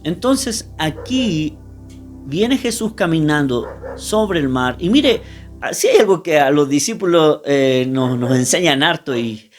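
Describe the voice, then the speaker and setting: Male pastor, higher-pitched, emphatic sermon delivery, speaks directly to listeners, light music bed. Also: expressive, slow pace. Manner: emphatic preaching, often addresses listeners directly.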